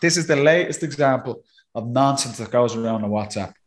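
A man's voice: mid-range voice, a little fast. A man with an Irish accent giving casual match analysis and banter as a podcast pundit. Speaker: sports podcast pundit, former player.

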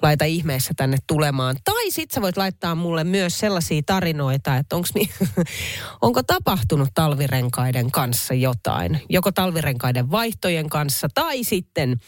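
A woman radio host talking with a lively, swooping voice, on the lower side for a woman. She chats casually and reads listener messages in a dry, close studio sound. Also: no room sound. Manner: chatty, animated, reads listener messages aloud. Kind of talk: casual radio show chat. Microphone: studio microphone.

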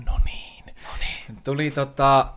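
A man hosting a casual chat, playful and quick to laugh. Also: medium pitch, clear, resonant tone, whispered. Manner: laughs often, lively and playful. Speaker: podcast host.

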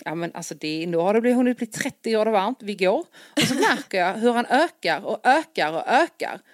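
A young woman chatting casually, spinning a story with lively energy and slipping into quoted voices as she goes. Her voice sits at an ordinary middle pitch. The recording is dry and close, with no room sound. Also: no room sound. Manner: animated, acts out quoted dialogue. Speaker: podcast co-host telling a story.

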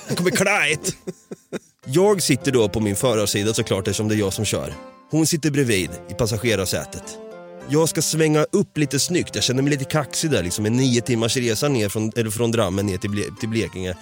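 A man's voice: on the low side, soft background music. A man from Sweden telling a story in a casual podcast chat, swearing often and laughing as he goes. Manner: swears a lot, animated retelling with laughter.

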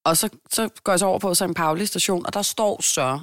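Animated storyteller in casual chat. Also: mid-range voice, no room sound, clean studio sound. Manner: animated, acts out the people in the story.

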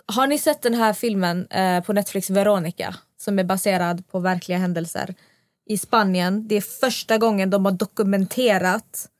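A young woman hosting a casual podcast, telling a story with lively quoted dialogue. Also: mid-range voice, no echo, studio quality. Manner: animated storytelling, acting out quotes. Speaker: podcast host.

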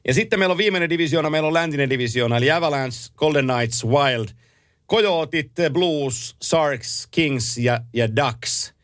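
A man co-hosting a casual hockey chat, leading the topics and listing teams briskly. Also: a little high, a bit bright. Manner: runs the segments, lists teams briskly.

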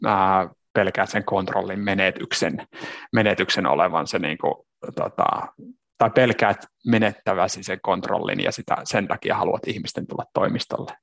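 A man's voice: sits low, steady tone, vocal fry, fairly bright tone. A man co-hosting a podcast, talking reflectively about workplace culture in a casual discussion. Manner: reflective, with many restarts and fillers. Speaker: podcast co-host.

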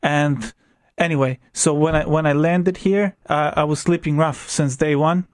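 A young Croatian-accented man speaks in a fairly high voice, recorded dry and close in a radio studio. He tells his story candidly but hesitantly, full of restarts and small fillers. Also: steady tone, measured pace, dry recording. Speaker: interview guest. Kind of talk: radio interview.

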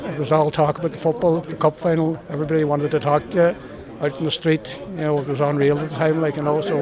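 A man's voice: fairly high pitch, level tone, quick pace, crowd noise. A man in his sixties with a Donegal Irish accent, reminiscing casually as a former footballer in an interview. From County Donegal, Ireland.

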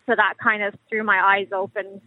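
A woman's voice: mid-range voice, flat delivery, normal speed. A woman of about thirty with an Irish accent, giving a personal account as a radio interview guest in an informal, conversational way. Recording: dry, muffled narrow-band call.

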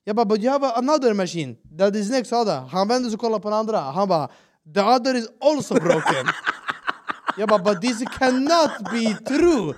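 A man tells a story in a relaxed podcast chat. His voice sits fairly high for a man. He acts out the people in it with lively put-on English lines. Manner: animated, acts out quotes in broken English. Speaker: podcast host.

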